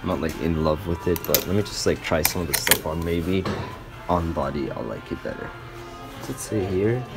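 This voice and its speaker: Loud music plays behind a young adult vlogger whose voice sits low at a normal speed. Talking casually into a camera or phone at arm's length in a parked car, and later in a small store fitting room, he wanders through slangy chatter full of "like."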